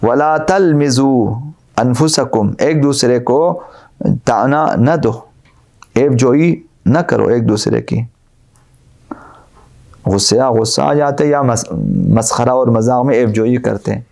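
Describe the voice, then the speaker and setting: A male cleric delivering a religious lecture in a gravelly, mellow voice. He recites Arabic verses, then explains them with plain, repetitive examples. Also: medium pitch, pauses often. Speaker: Islamic cleric.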